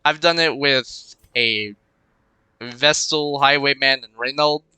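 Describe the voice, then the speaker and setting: This casual let's-play features a young man with a mid-range, slightly congested voice who takes things slowly, rambling and muttering to himself as he thinks over his options. Background noise comes through his cheap desk microphone.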